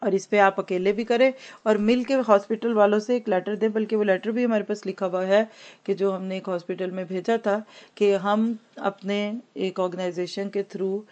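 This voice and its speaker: A woman teaching an Islamic lesson, mixing English words into her talk and slowly reciting Arabic phrases for the class to repeat. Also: mid-range voice, darkish tone. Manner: Urdu-Hindi mixed with English words. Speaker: religious teacher.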